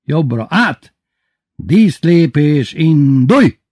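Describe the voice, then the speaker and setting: A man's voice: medium pitch, sing-song, no echo, voice pushed up. A man doing a nervous, barking class teacher. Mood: strict, angry. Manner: barked commands, swings between soft and shouting. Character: nervous, strict male class teacher in a worn tracksuit.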